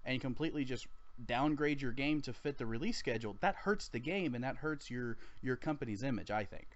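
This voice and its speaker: A man's voice: medium pitch, lively intonation, fairly quick, highs cut off. A man hosting a gaming podcast, talking casually in long rambling sentences with frequent restarts. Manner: rambling, restarts, laughs easily. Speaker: podcast host.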